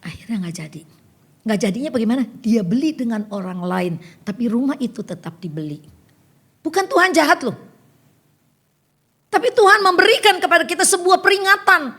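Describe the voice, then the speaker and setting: A woman's voice: high voice, lively intonation, fairly quick, pauses often, fairly bright tone. An older woman preaching a sermon in a chatty storytelling way, acting out the conversations she tells.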